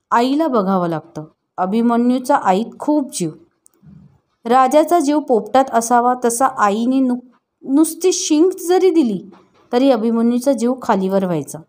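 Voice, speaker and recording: Mellow-voiced woman reading a story. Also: on the high side. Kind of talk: scripted story narration.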